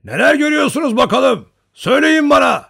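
A man voicing a huge, bearded old male Cossack hunter who shouts in a loud, hearty voice. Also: high-pitched, sing-song, normal speed, gravelly, breathy edge, voice pushed up, exaggerated voice. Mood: hearty shouting.

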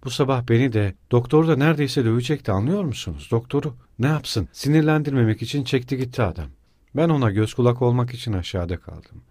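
A man voicing a loyal young male friend who talks loud, blunt and in a rush. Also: mid-range voice, fast, dry recording, clean studio sound, natural voice. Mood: hushed urgent.

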